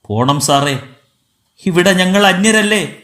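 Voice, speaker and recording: A humble, heartbroken father speaks in a hushed, sorrowful way, as a male narrator puts him on. His lines are restrained and polite. The recording has a roomy echo. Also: high voice, steady tone, moderate pace. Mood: quiet sorrow. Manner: subdued, sorrowful. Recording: echoey room.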